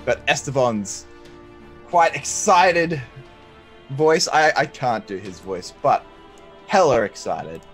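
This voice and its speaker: A man's voice: medium pitch, expressive, slow pace, long pauses, fairly bright tone, soft background music. A man playing a tabletop game, talking casually in a slangy, laid-back way. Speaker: player in a tabletop RPG.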